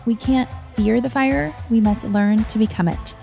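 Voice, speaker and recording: Soft music plays behind a woman in her 30s whose slightly high voice is gravelly and mellow, at a normal speed. She hosts her own podcast as a leadership coach, speaking candidly and conversationally into a studio mic on her own.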